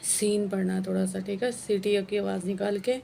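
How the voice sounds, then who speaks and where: Flat-voiced woman teaching Quran reading. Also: medium pitch, creaky, a little hiss or hum. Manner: slow, drawn-out syllable-by-syllable drilling with brisk explanations. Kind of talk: spelling out Arabic letters and syllables for a beginner reading lesson.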